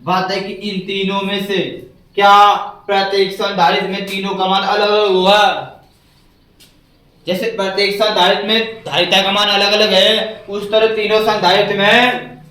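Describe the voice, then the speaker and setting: A man's voice: high-pitched, monotone, moderate pace, pushed and bright. A man teaching a physics class, who keeps asking his students questions and repeating the key words back to them. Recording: echoey room, mic far off.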